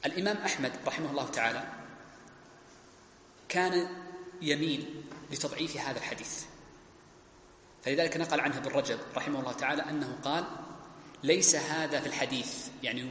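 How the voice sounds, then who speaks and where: A man's voice: medium pitch, fast talker, long pauses, bright, forceful tone. A man teaching a classical religious text, explaining point by point and repeating key phrases. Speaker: Islamic scholar teaching a text. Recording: echoey hall with faint background noise.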